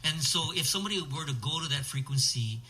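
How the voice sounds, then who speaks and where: A man's voice: on the high side, lively intonation, quick pace, bright, forceful tone, rough recording. A man hosting a conversational interview in the manner of a public radio host.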